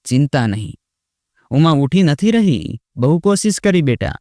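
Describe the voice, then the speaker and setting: A man's voice: a little high, big pitch swings, measured pace, darkish tone, dry recording, studio quality. A man voicing a grieving old husband who pleads in a choked, trembling voice.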